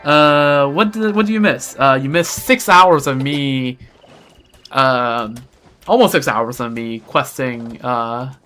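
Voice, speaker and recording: Soft music sits under this young streamer as he chats through a gameplay session at a slow pace. His voice is medium-pitched with a sharp tone, and his rambling talk is full of restarts and self-deprecating remarks.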